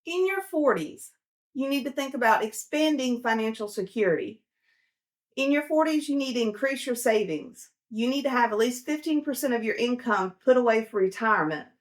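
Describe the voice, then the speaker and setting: A personal finance host in her forties offers casual, down-to-earth money advice to camera. Her voice is on the high side with lively intonation and a moderate pace, and she's chatty and full of fillers.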